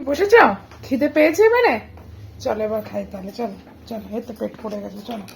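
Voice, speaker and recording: A woman's voice: fairly high pitch, very animated, a little fast, creaky, darkish tone, slight background noise. A woman with a Bengali accent, a mother vlogging at home and coaxing her small child in a sing-song voice. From India. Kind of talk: casual home vlog talk to a toddler.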